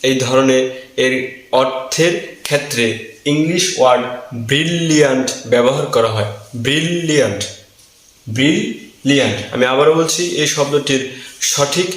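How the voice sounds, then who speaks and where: A man teaching pronunciation at a whiteboard, in a mid-pitched voice. He speaks slowly and repeats the key word again and again. The room around him is echoey.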